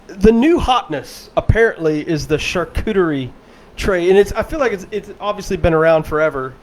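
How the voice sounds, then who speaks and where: A man's voice: high-pitched, animated, normal speed. A man, co-hosting a podcast with playful, teasing banter. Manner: playful, teasing, laughs often. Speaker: podcast co-host. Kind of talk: casual chat.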